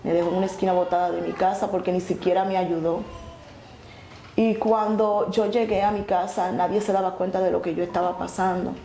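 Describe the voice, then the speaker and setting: A woman telling her testimony earnestly, halting and restarting often. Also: lowish voice, fairly even intonation, dark tone. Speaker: guest sharing her testimony. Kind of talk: emotional personal testimony. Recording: echoey room with faint noise.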